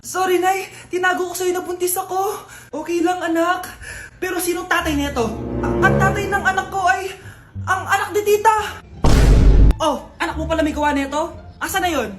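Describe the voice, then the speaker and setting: A woman performing a comedy skit, switching quickly between characters with exaggerated outbursts. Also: very high-pitched. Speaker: skit creator playing many roles. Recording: echoey room with music behind.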